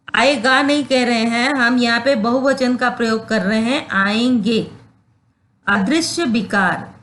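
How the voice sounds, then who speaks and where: A woman teacher with a fairly high, slightly bright voice explains a grammar lesson, spelling out the rules step by step. She says each example word twice, slowly and deliberately.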